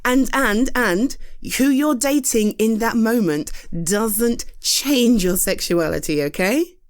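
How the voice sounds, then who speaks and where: Speaking slowly at a fairly high pitch, this British roleplay performer offers a friend reassurance in a loose, chatty monologue. She's tired, jokes at her own expense, laughs frequently and swears casually.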